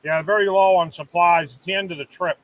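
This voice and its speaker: Chatty high-voiced man on a live stream. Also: a little fast, distant mic, rough recording. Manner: chatty, animated, reads viewer comments aloud. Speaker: livestream host. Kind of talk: casual live chat with viewers. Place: cabin.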